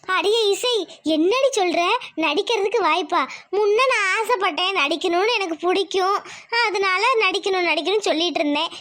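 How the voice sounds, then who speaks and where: Woman voicing a chatty cartoon aunt: very high and bright. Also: normal speed. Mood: teasing. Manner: teasing, talkative. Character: chatty middle-aged village aunt who weaves brooms.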